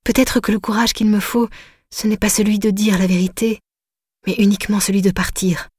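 A woman narrates a novel in the first person, quiet and intimate. She sometimes sinks into a breathy whisper. Her voice sits in the middle of the range, recorded close and dry. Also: medium pitch, steady tone, fairly quick, no echo. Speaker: audiobook narrator.

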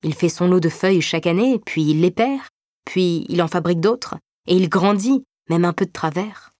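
A woman voicing a gentle older brother who explains things patiently and reassuringly in a narrated story. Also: lowish voice, moderate pace, no echo, studio quality, natural voice. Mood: patient explaining.

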